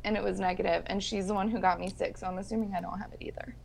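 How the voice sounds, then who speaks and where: Young woman with vocal fry, sick. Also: medium pitch, fairly even intonation, very fast, darkish tone, a little hiss or hum. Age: young adult. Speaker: podcast co-host. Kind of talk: casual chat.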